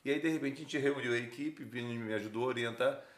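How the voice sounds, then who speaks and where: A man hosting a casual podcast chat, speaking in halting phrases that he often restarts. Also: medium pitch. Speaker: podcast host, store owner. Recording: roomy, echoey room sound.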